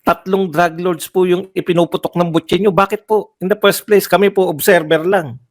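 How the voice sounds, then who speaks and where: Man hammering rhetorical questions, slightly high. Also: fairly even intonation, moderate pace. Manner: fires off rhetorical questions, heated and emphatic; repeats phrases for emphasis. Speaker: political commentator. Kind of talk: livestream commentary.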